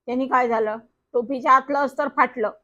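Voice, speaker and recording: A woman narrating a children's story in the first person, in a lively, animated way. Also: high-pitched, brisk. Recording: dull lo-fi recording.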